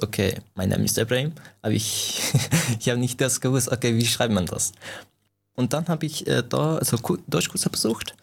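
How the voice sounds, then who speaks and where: A gravelly, lowish voice belongs to a young Iranian man, a first-language Farsi speaker, answering casual interview questions. He keeps pausing to search for words and restarting his sentences.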